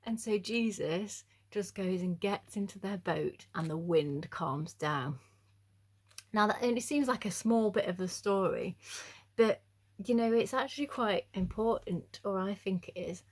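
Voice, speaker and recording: A woman's voice: medium pitch, unhurried, a little mellow, husky. A young woman giving a casual, jokey youth devotional talk, chatty and self-deprecating with lots of fillers. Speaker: youth speaker.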